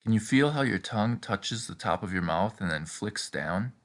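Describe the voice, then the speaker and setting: Male tutorial narrator, low register with a bright, forward tone; instructional and encouraging. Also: expressive, moderate pace. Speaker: pronunciation instructor. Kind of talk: scripted step-by-step tutorial narration.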